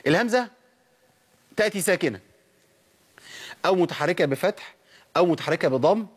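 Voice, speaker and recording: An Egyptian-accented man lectures on Quran recitation at a quick clip, putting questions to the class and answering them himself. His voice sits a bit high and has a husky edge. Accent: Egyptian Arabic.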